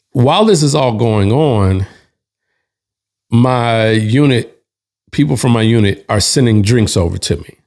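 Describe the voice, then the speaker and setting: Male host, easygoing spoken story, loose slangy delivery with asides, average pitch. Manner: relaxed, slangy, with restarts and asides. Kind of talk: casual storytelling.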